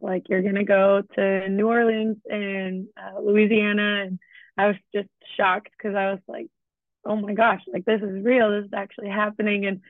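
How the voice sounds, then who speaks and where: A woman's voice: mid-range voice, no room sound. A young woman in her twenties talking earnestly and humbly as an interview guest, laughing often and filling her speech with "like" and "um". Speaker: podcast guest, former student-athlete. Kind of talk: casual interview talk. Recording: tinny phone-like line.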